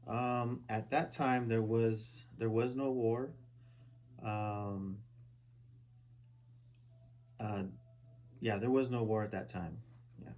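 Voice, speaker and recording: A man in his forties from Southern California, a veteran answering oral history questions at a relative's house, halting with many fillers and restarts. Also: on the low side, fairly even intonation, darkish tone. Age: 40s. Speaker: interviewee, Army veteran. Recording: poor quality home recording.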